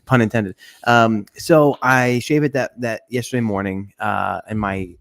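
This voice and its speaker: A man with a fairly low voice chats on a live podcast, laughing often as he tells stories about his kids. The recording is dry and close, with little room sound. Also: fairly even intonation, a little slow, gravelly, no echo. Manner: laughs often while telling family stories. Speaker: podcast co-host. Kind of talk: casual live podcast chat.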